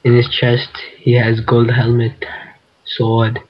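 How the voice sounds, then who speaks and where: A man co-narrates a video game in a deadpan, low-key mock-documentary manner. His voice is husky and stays flat in pitch. The recording is dull and lo-fi. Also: takes it slowly. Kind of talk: mock-documentary commentary over gameplay. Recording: dull lo-fi mic.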